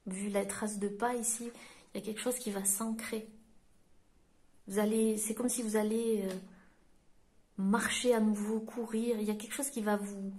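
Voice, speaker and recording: A French woman works as a medium and gives a card-reading guidance to her audience. Her delivery is halting, full of pauses and restarts as she searches for the right words. Her voice sits at an ordinary middle pitch. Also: darkish tone. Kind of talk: tarot-style guidance reading to camera.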